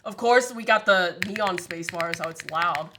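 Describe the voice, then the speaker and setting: A woman's voice: on the low side, a little slow, background noise. A woman livestreaming, chatting casually and rambling to her chat, swearing freely.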